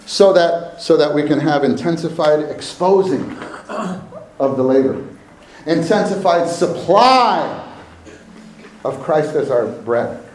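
A man preaching a sermon at a pulpit microphone, slow and emphatic, often repeating his phrases. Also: a little high, lively intonation, darkish tone. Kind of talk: sermon to a congregation. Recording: echoey hall with faint room noise.

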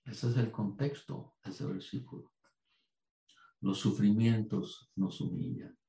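A man from Puerto Rico preaching a sermon at a conference, animated and digressive, with asides to the audience, in an echoey hall. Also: on the low side, slow pace, gravelly.

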